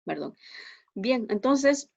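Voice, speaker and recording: A woman's voice: a little high, gravelly, breathy edge, dry recording. A woman teaching a class, speaking patiently and often checking that her students follow with short questions. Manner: patient, checks understanding with frequent tag questions. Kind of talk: online class instruction. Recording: dull, muffled lo-fi class recording.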